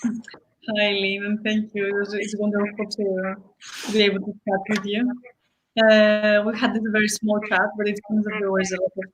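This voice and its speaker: A woman's voice: medium pitch, level tone, moderate pace, a little hiss or hum, poor audio. A woman from Greece, a guest on a video-call interview, speaking carefully and searching for words. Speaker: guest, architect. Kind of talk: casual conversational interview.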